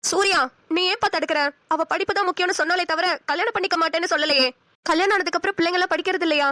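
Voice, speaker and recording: A woman's voice: extremely high pitch, fairly even intonation, racing, bright, forceful tone, dry recording. A woman voicing an emotional, persuasive middle-aged aunt in a cartoon. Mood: pleading. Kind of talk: Tamil cartoon dubbing.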